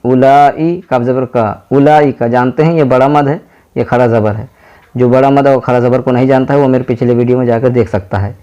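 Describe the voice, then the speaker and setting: A man's voice: mid-range voice, mellow. A man with an Indian accent teaching Quran reading, spelling out each letter and vowel mark syllable by syllable before blending them into words. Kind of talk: slow step-by-step lesson.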